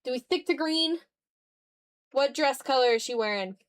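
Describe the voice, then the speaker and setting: While drawing on a livestream, a streamer and digital artist chats in a high, animated voice at a normal pace. Her talk is slangy and playful, aimed half at herself and half at her viewers.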